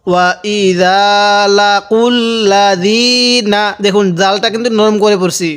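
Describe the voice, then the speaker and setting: High, smooth-voiced male Quran teacher. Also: little pitch movement. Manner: spells each letter and vowel, then chants the joined word slowly; patient, explains common mistakes to viewers. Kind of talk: slow spelled-out recitation lesson.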